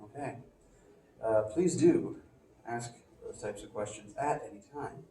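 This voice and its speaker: Recorded on a distant phone in an echoing classroom, this man lectures on physics at a medium pitch and a slightly slow pace. He sniffles from allergies and keeps things loose and conversational, with lots of fillers and false starts.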